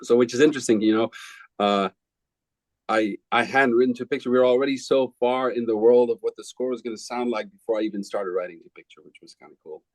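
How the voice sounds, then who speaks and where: A man in his forties from Belgium, a film composer answering interview questions in a relaxed, rambling way with frequent restarts. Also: medium pitch, fast, no room sound, low-quality recording.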